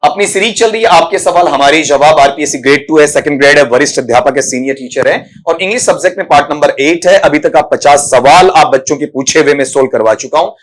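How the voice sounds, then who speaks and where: Guy teaching english sounds online, kinda high voice, keeps repeating himself, calls students beta. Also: quick pace, few pauses. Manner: repetitive filler-laden explaining, calls students "beta". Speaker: English exam-prep teacher. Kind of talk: online lesson explaining pronunciation.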